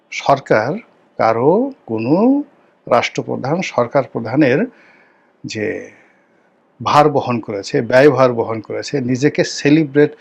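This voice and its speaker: A man's voice: medium pitch, husky. A man commenting on a political talk show, speaking emphatically with rhetorical questions and English phrases mixed in.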